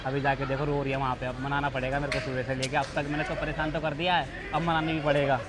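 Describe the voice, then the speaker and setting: A man's voice: medium pitch, level tone, fast. A young man vlogging outdoors in a park, teasing his partner with a prank and then coaxing and apologizing. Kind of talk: casual vlog chat. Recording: noisy outdoor street ambience.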